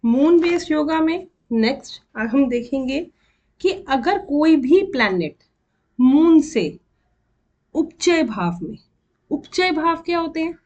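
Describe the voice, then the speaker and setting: A woman with an Indian accent teaching astrology in a slow, deliberate way, counting out and repeating terms as she explains. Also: high voice, expressive, a little mellow, muffled recording. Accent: Indian English mixed with Hindi. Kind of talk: explanatory lesson.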